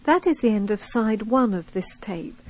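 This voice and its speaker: A woman's voice: medium pitch, expressive, moderate pace, a little mellow. A British woman reading magazine news articles aloud as scripted narration for a recording. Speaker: reader of a recorded local magazine.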